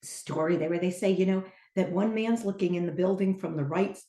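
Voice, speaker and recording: An older woman talking earnestly and reflectively as a podcast guest, stressing her points with lively emphasis. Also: lowish voice, brisk, reverberant. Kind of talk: casual conversation.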